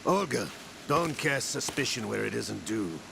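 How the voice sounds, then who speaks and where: A man playing a menacing older villain commander in a video game, deliberate and condescending in dramatic delivery. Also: medium pitch, sing-song, vocal fry, background noise, exaggerated voice. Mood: cool, dismissive.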